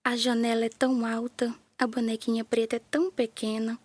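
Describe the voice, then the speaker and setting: A woman with a Brazilian Portuguese accent narrating a children's story in a gentle, playful way, with little sound effects. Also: a little high, flat delivery, a little fast, dry recording.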